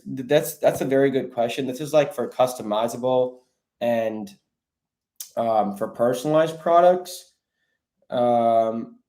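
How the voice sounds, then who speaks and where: With a mid-range, slightly mellow voice, a man runs a casual live Q&A, coaching online sellers through viewer questions. His manner is informal, and he calls his audience guys and bro.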